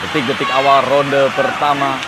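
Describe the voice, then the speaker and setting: A man's voice: mid-range voice, little pitch movement, normal speed, very noisy. A man with an Indonesian accent giving live play-by-play fight commentary, with music behind him.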